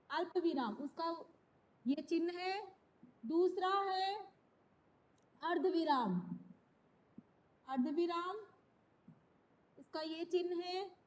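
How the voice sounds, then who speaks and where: A woman teaching a class, speaking slowly, repeating key phrases and quizzing her students. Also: very high-pitched. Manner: slow, repeats key phrases and asks questions. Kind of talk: classroom lesson.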